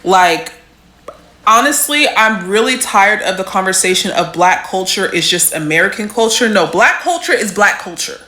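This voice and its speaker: A woman's voice: mid-range voice, lively intonation, normal speed, pushed and bright. Blunt woman venting in echoey room. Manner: frustrated, blunt. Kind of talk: casual opinion rant.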